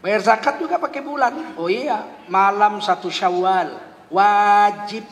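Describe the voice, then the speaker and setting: Male preacher, high voice, storytelling sermon, acts out dialogue, echoing hall. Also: takes it slowly. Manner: lively anecdotal telling, acting out both sides of dialogue. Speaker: Islamic preacher. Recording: long hall reverb, faint background noise.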